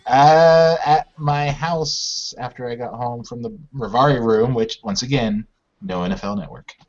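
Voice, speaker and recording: A man's voice: medium pitch, steady tone, measured pace, darkish tone, muffled recording. A man in a casual podcast chat, laid-back and laughing along with his friends. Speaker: podcast guest.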